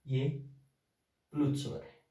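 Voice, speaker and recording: A man teaching a class, asking his pupils questions and answering them himself in a drawn-out, repetitive way. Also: dark tone. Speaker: Hindi teacher. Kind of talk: classroom lesson. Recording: very echoey room, from far off.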